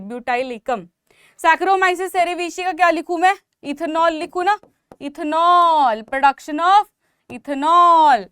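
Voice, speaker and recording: Young Indian woman, high-pitched, loud emphatic biology teacher, dry close recording. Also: no room sound. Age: young adult. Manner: emphatic, repetitive, motivational, calls out loudly to students. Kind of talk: exam-prep lecture in Hindi mixed with English.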